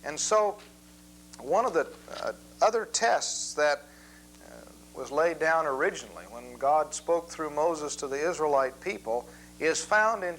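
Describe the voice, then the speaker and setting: A man teaching a Bible lesson in a measured, methodical way, reading scripture passages aloud. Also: a little high, a bit bright, slight background noise, low-quality recording.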